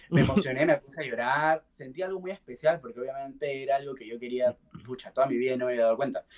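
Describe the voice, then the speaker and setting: Playful man telling his story. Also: mid-range voice. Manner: lively and playful, acts out quoted voices, laughs often. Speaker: drag queen guest. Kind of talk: casual personal storytelling in an interview.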